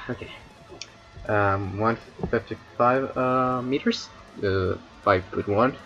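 A man's voice: mid-range voice, takes it slowly, fairly bright tone, lo-fi sound, soft background music. A man from Chile with a Chilean Spanish accent, rambling and cracking crude jokes with chat on a casual debut livestream. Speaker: streamer.

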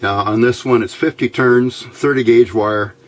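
An electronics hobbyist demonstrates a build at an indoor workbench, giving an informal hands-on tutorial. He speaks in a plain, halting manner with a mid-range voice and fairly even intonation.

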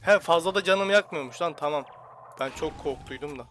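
A young man giving casual, jokey commentary while playing a shooter, swearing at enemies and shouting in sudden bursts. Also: a little high, a little fast, slight background noise. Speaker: gaming channel host.

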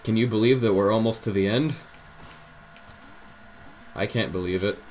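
A man's voice: fairly low pitch, normal speed, darkish tone, slight background noise, poor audio. A young man chatting casually while playing a game, joking and laughing as he gives his partner directions. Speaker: let's play host. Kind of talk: casual gameplay chat.

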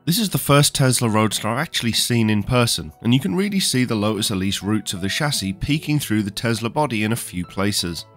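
A man's voice: fairly low pitch, animated, brisk, few pauses. Man narrating a car show. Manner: enthusiastic, knowledgeable car commentary. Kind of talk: scripted voice-over narration. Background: faint background music.

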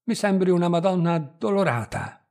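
A man's voice: high-pitched, lively intonation, a little mellow. A man voicing a nervous, infatuated young man who stammers and halts in a read-aloud story. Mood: tender. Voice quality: stammering, halting.

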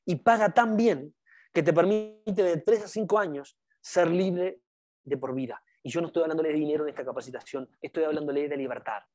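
Brisk and slightly mellow, this man's rather high voice drives a motivational seminar on network marketing. Talking straight to the audience, he hammers home his main phrases with emphasis and repetition.

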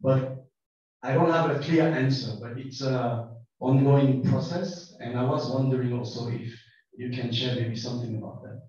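A man speaks with a French accent in a soft-edged, relaxed tone. He puts a thoughtful question from the audience, pausing to find words. The sound is muffled, far from the mic in a very reverberant room. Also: mid-range voice. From France. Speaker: audience member asking a question. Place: lecture room, picked up from afar. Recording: distant, very echoey hall, muffled.

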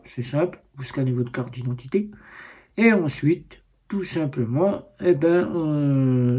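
Un homme à l'français au timbre légèrement voilé commente un déballage sans préparation. Ses phrases sont hésitantes et pleines de reprises, sur un ton décontracté. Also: male voice, on the high side, dark tone, breathy edge. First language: French. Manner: hesitant, many fillers and restarts. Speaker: vlogger reviewing a bank card. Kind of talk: casual unboxing talk.

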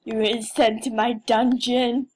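A young woman records herself playing a game, her fairly high voice slow and level with a darkish tone, over a slight hiss or hum. She keeps up casual, playful commentary full of mock drama and exclamations.

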